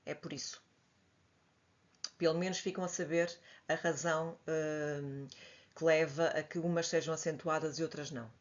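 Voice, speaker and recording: Low-voiced Portuguese woman teaching grammar. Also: fairly even intonation. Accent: European Portuguese. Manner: patient explaining, spells out examples slowly. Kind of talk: slide-based grammar lesson. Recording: dull lo-fi audio.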